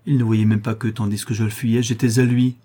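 A proud noblewoman torn by love, voiced by a man reading aloud. She speaks quietly and with feeling, in a low, mellow, slightly husky voice. It sounds like a storybook reading rather than a full performance. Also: level tone, a little fast, lightly acted. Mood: yielding.

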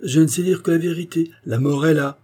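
A man's voice: fairly high pitch, fairly quick, darkish tone, slightly rough, voice pushed up. A man reading a storybook, voicing an eerie female talking cat who speaks of death. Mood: ominous.

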